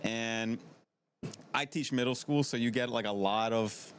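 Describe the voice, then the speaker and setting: The recording, marked by noticeable background noise, features a twenties-aged man from Maryland, United States, who teaches middle school PE. As a podcast guest in casual conversation he wanders and repeats himself, his mid-range voice clear and resonant at a measured pace.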